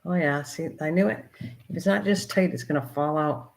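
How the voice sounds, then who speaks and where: Her voice deep and gravelly, at a normal pace, an older livestream host rambles chattily through a craft session, talking both to herself and her audience while working. The sound is poor.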